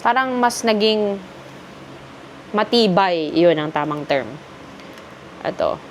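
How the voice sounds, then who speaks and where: A woman from the Philippines talks through her shopping haul in a relaxed, chatty way, moving easily between Filipino and English. Her voice sits at a middle pitch, with a faint hum of noise behind it. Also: slow pace. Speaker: vlogger. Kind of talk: casual haul vlog.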